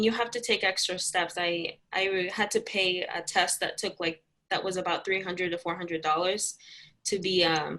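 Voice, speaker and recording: A young woman talks through her work as a guest on an interview show. Her voice sits a little low, and she speaks in a friendly, chatty way. She fills her pauses with plenty of "um"s. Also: pushed and bright, poor audio. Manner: chatty, friendly, many fillers. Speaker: guest, community health educator. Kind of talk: casual interview answers.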